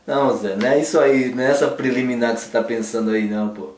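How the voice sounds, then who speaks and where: A fast-talking man from the Northeast gives a joking, casual law lesson, playfully teasing a sidekick. His medium-pitched voice is steady and a little mellow. The recording has a roomy echo, slight background noise, and he sits a bit far from the mic.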